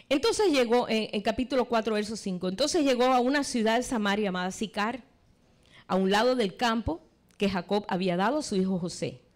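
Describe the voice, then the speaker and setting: Animated woman preacher telling a story. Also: fairly high pitch. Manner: animated storytelling, addresses the congregation. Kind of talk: sermon.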